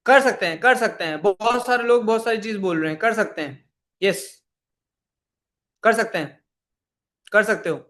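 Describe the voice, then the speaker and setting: A man with a fairly high-pitched voice runs a live online coding class. He mixes English programming terms into his Hindi. He repeats phrases and keeps quizzing his students. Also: moderate pace, pauses often, a bit bright. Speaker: programming instructor.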